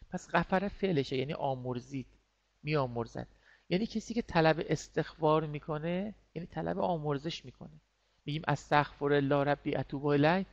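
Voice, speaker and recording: A man's voice: on the high side, vocal fry. A man teaching a class, explaining words patiently and repeating them, with many fillers. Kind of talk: online class lesson. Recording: dull lo-fi sound.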